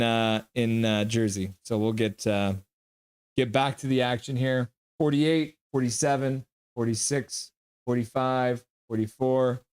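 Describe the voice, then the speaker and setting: A man streaming hockey live reads out chat messages, joking loosely and sometimes calling the play in quick bursts. His medium-pitched voice is clear and resonant.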